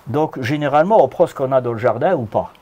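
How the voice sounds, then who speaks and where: A man's voice: medium pitch, animated, fast, mellow, dull audio. A man with a Lorraine accent, explaining home health remedies in a folksy, chuckling way during a casual chat. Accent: Lorraine French. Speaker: guest herbal health advisor.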